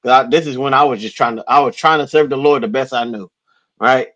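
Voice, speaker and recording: A man co-hosting a podcast in casual chat, telling stories in an animated way and laughing often. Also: medium pitch, a little fast, dull audio. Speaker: podcast co-host.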